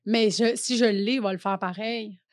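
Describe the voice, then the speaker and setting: A comedian in her thirties with a Québécois French accent guests on a podcast, chatting casually and rambling with fillers and restarts while laughing often. Her medium-pitched voice is fairly even and moderately paced, in clean studio sound with no room sound.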